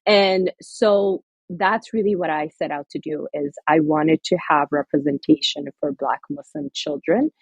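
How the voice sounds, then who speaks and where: A Somaliland woman, an author appearing as an interview guest, speaks earnestly and reflectively with lots of fillers and restarts. Her low, slightly slow voice is creaky with a breathy edge and few pauses, captured dry but in lo-fi sound.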